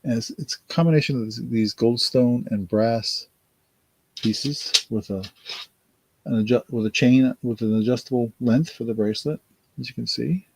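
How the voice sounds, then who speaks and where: Gravelly, tired man running a casual auction. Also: medium pitch, dry recording, low-quality recording. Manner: unhurried, rambling, thinks aloud with many fillers. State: tired, yawning. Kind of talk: casual live-stream auction talk.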